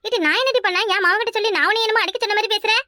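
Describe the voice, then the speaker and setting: A woman's voice: very high-pitched, very fast, sharp tone, no room sound, clean studio sound. A woman voicing a nagging, defensive older village mother-in-law in a cartoon, speaking with a Kanyakumari Tamil accent. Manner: nagging, defensive, calls others "ஏட்டி". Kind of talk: cartoon voice acting.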